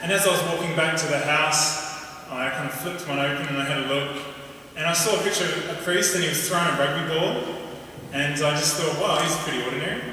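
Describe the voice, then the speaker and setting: A man with a broad New Zealand accent, sharing a personal testimony with a gathering in an informal, halting way. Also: on the high side, pushed and bright. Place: large reverberant indoor venue. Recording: echoey hall, distant mic, faint noise.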